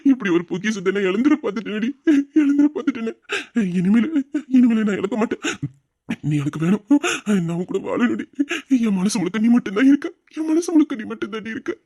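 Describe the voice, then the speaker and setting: A man's voice: sits high, animated, fast, mellow. A man playing a sobbing remorseful husband. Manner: sobbing, pleading, voice breaking between laughs and tears. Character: remorseful husband, weeping over his devoted wife. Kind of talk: Tamil audio drama.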